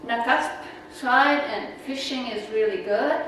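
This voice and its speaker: A woman from the Czech Republic, speaking with a Czech accent, gives a loose, rambling slide talk to a naturalist club, chatting away with lots of fillers and laughs. Her voice sits on the high side with a fairly bright tone, and her pace is measured. She's in a meeting room, recorded from a distance in an echoey space with plenty of noise.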